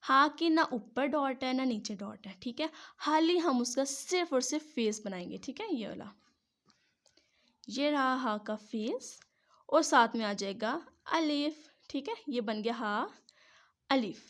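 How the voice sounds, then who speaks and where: A woman patiently teaching how to join Arabic letters, step by step, pausing often to check in. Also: high-pitched, lively intonation, fairly bright tone. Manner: patient, says "theek hai" between each step. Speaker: Quran teacher. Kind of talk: step-by-step writing lesson.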